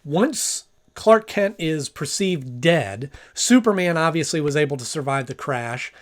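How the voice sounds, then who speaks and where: Higher-voiced man reviewing casually. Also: lively intonation, unhurried. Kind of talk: casual episode review and recap.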